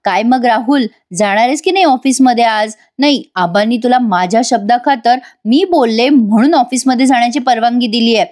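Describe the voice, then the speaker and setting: This is a spoiled, scheming young wife who wheedles and coaxes, as a woman puts her on while retelling a TV serial. The voice rides a little high and stays sugary and pleading. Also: brisk, hardly any pauses, darkish tone, close to an everyday voice. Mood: wheedling.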